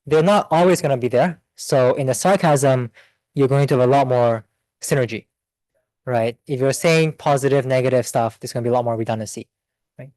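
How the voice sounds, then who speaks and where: A man giving a seminar talk and answering audience questions in a quick, think-aloud way with restarts. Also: mid-range voice, darkish tone, dry recording. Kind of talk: academic Q&A.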